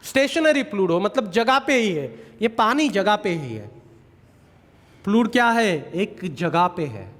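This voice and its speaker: A man giving an exam coaching lecture, repeating key points, asking the class rhetorical questions and slowing down to dictate definitions. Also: high voice, big pitch swings, a bit bright, in a large hall. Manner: slows to dictate English definitions.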